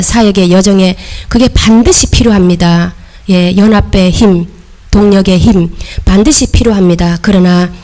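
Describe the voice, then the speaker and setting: A woman's voice: mid-range voice, dark tone. A middle-aged woman pastor giving a sermon lecture, emphatic and repetitive, coaxing her listeners.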